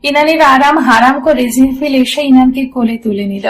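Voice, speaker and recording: A woman narrating a romance audio story in a steady storytelling manner. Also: high-pitched, fairly quick, low-quality recording.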